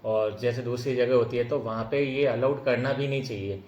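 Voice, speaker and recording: A man co-hosting a casual home vlog, teasing his wife at first and then calmly explaining things. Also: mid-range voice, normal speed, echoey room, highs cut off. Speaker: vlogger's husband, co-host. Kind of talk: casual chat.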